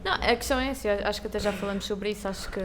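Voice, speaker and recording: A woman's voice: medium pitch, very fast, a little hiss or hum. A woman with a European Portuguese accent, co-hosting a casual chat and explaining her views earnestly.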